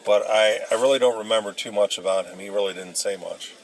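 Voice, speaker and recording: A man casually rambling through old memories, halting and hesitant as he searches for details. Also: fairly low pitch, fairly even intonation. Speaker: vlogger recounting memories. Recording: noisy, with vehicle and ambient sound.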